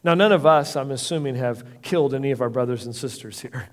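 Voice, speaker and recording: A man's voice: mid-range voice, fast talker. A middle-aged man preaching a sermon as pastor, earnest and conversational, often restarting his phrases. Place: church hall. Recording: long reverb of a church hall.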